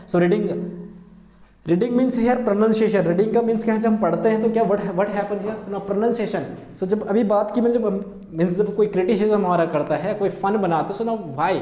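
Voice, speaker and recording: A man's voice: high voice, dark tone, reverberant. A man with an Indian accent teaching an English class, mixing Hindi and English, repeating words and quizzing his students. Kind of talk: classroom lesson.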